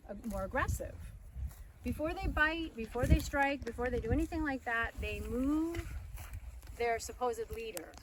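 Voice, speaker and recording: A woman's voice: fairly high pitch, recorded from a distance, noisy background. A woman horse trainer teaching outdoors with her horses and talking straight to her viewers in a chatty way. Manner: chatty, addresses viewers directly.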